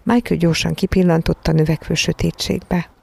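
Woman reading a kids story, calm, low gravelly voice, dark and dry. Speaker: narrator.

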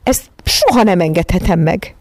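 A woman's voice: animated, a little mellow, no room sound. A woman voicing a haughty, fussy lady who scolds and wails over her dog in a storybook reading. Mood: wailing. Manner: shrill and wailing, theatrical.

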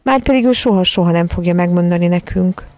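A woman's voice: lowish voice, a little mellow, no echo, lightly acted. A woman voicing a young girl who speaks with certainty in a storybook reading. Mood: confident.

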